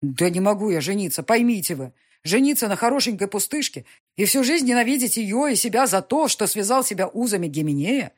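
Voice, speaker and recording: A woman reading the lines of a stubborn young nobleman arguing with his mother, in her own husky voice with a sullen, insistent manner. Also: mid-range voice, expressive, brisk, few pauses, voice pushed up.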